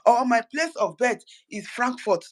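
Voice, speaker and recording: With an expressive, mid-range voice moving a little slowly, an activist delivers a passionate political speech. Words recur and phrases get restarted, all on a rough recording.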